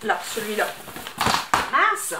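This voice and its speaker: A woman's voice: medium pitch, sing-song, slow pace. A woman vlogger chatting to camera at home while unboxing, hesitant and full of fillers. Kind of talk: casual chat to camera. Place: room at home, indoors. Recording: echoey room with background noise.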